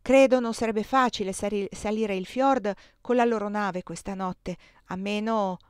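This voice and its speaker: A woman's voice: medium pitch, normal speed, darkish tone, clean tone, no echo, lightly acted. Woman reading a determined young maid, pleading and urgent, dry sound.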